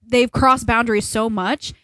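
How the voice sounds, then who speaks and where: Young woman, podcast co-host, higher voice, opinionated rambling chat, dry close sound. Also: fairly even intonation, moderate pace, fairly bright tone, no room sound, low-quality recording. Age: young adult. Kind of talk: casual chat.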